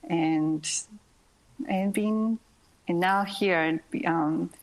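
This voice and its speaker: In this interview, a woman in her thirties, a ballet dancer born in Japan, speaks quietly in non-native English, with many pauses and gentle laughs as she answers. Her pitch sits on the low side, and the audio quality is poor.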